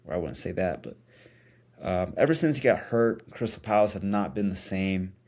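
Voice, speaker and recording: Casual male vlog host, lowish voice, speech slightly impeded by a dental retainer, hesitant and self-correcting. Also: animated, moderate pace, a little mellow. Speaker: host of a fantasy football vlog. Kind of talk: casual solo commentary.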